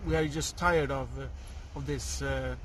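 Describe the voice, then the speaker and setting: A man chatting casually and haltingly, groping for words and repeating himself. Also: medium pitch, steady tone. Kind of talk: casual chat. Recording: noisy outdoor recording, urban traffic.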